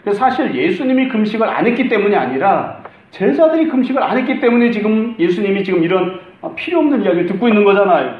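A man's voice: sits high, big pitch swings, fast, highs cut off. Man preaching conversationally in an echoey church. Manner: conversational preaching, acts out quoted lines. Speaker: pastor. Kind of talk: sermon.

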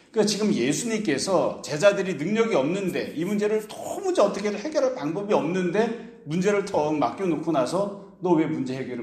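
A man's voice: a little high, darkish tone. A male pastor preaching a sermon, explaining a passage and asking his listeners rhetorical questions. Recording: roomy echo.

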